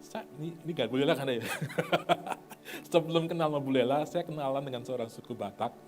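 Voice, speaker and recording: A middle-aged man from Indonesia preaching a sermon, swinging between loud urging and soft asides. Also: medium pitch, a little fast, soft background music. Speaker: pastor.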